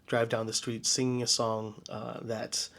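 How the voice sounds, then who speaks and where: Halting, earnest American man vlogging. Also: mid-range voice, level tone. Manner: halting and searching, many restarts and fillers; earnest, quietly emotional. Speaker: vlogger and DJ entertainer. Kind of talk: personal reflective vlog storytelling.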